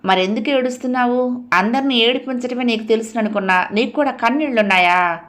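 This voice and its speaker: A woman's voice: mid-range voice, brisk, lightly acted. A woman voicing a firm, caring young woman who coaxes her cousin and then scolds her with sarcasm, in an audiobook novel. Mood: sarcastic, scolding. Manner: coaxing, then sharp and sarcastic.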